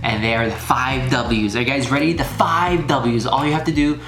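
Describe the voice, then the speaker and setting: A flying instructor hosting a video gives a casual, informal tutorial, repeating key phrases for emphasis. His voice is mid-range at a moderate pace, with a roomy echo and background music.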